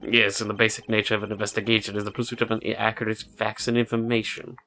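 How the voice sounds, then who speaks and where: A man's voice: on the low side, little pitch movement, fast talker, pushed and bright. A man voicing a stern, exacting prosecutor from a video game in a formal, dry manner. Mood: serious, measured. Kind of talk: video game character reading.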